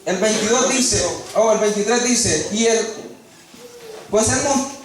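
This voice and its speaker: A man's voice: sits high, slow, a crowd in the background. A man preaching a sermon, acting out dialogue in changing voices. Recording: echoey room heard from a distance.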